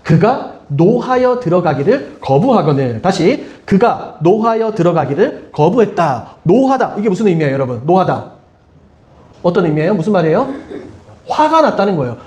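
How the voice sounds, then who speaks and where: A man preaching as a pastor to a middle-school youth group, asking the listeners many questions and leading them in group reading. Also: high-pitched. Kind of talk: youth sermon. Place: church hall. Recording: echoey room.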